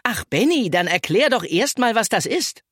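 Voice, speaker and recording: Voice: mid-range voice, sing-song, moderate pace, a bit bright, husky, dry recording, clean studio sound, pitched above the performer's own voice. A storyteller voicing a cheeky, confident young girl footballer who teases breezily. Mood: teasing. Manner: teasing, breezy.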